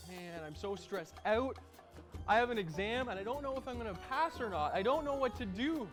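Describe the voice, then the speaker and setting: Man acting a very high-voiced student customer. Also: normal speed, music in the background, lightly acted. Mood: anxious. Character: stressed student giving an ad testimonial. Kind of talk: parody infomercial testimonial.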